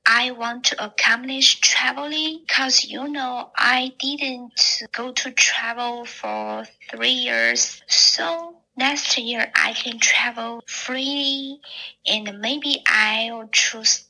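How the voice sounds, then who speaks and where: Brief: woman, high bright voice, unhurried and chatty. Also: animated, vocal fry, low-quality recording. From China. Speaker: listener.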